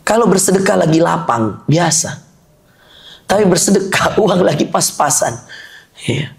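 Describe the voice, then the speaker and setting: High, gravelly male preacher. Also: animated, measured pace. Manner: jokey, teasing, quizzes listeners. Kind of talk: sermon to a live audience.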